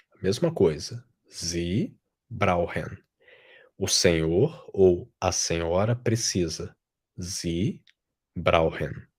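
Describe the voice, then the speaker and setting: Slow, deep-voiced man teaching German. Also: husky. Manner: slow, repeating each German form twice. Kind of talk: live online lesson, conjugation drills.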